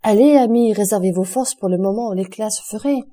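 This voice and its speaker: A woman reading the part of a grave, loyal young male friend, speaking in an earnest, measured way in an audiobook. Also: high-pitched, warm tone. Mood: urging.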